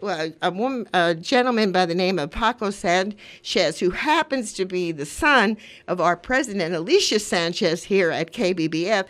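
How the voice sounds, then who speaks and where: Een vrouw van in de tachtig, die als radiopresentatrice mededelingen doet en er oprecht en uitweidend bij praat. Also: female voice, mid-range voice. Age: 80s. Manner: earnest, rambling, conversational. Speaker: community radio host. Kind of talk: casual radio talk with announcements.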